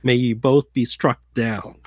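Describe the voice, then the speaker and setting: A man's voice: medium pitch, steady tone, unhurried, no echo, close to an everyday voice. Man acting out a female lizard creature, defiant, declaiming, cursing, tabletop game villainess, dry close sound. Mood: defiant, angry. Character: defiant female lizard serpent woman, cursing her masters.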